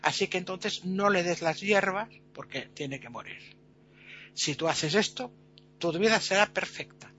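A man voicing Death, a stern female godmother spirit who lays down the rules in a measured, solemn way. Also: high-pitched, pushed and bright, lo-fi sound, slight background noise. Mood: solemn, hushed. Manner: solemn, measured warnings, later scolding.

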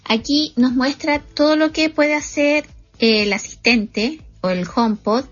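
A woman guides listeners through a phone setup tutorial in a calm, explanatory way. Her voice sits a little high and carries a slight husk. The recording sounds muffled, with faint music underneath. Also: measured pace. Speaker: tutorial presenter. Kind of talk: step-by-step spoken tutorial.

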